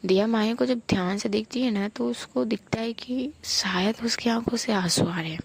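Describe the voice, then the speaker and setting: A woman narrating a romantic audio story in a soft, intimate whisper. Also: a little high, normal speed, creaky, slightly rough.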